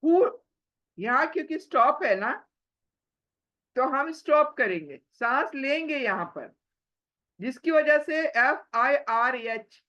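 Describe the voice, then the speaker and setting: Tajweed teacher: woman, very slow and patient, a bit high, dull lo-fi sound. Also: lively intonation, a bit bright. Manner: patient, drawn-out syllables, asks and answers her own questions. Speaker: Quran recitation teacher. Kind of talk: slow tajweed lesson, spoken and recited.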